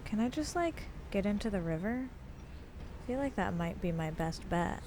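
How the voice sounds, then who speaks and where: Slow, flustered woman playing a game. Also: mid-range voice, lively intonation, noisy background. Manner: chatty, flustered self-talk. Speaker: let's play host. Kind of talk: gameplay commentary.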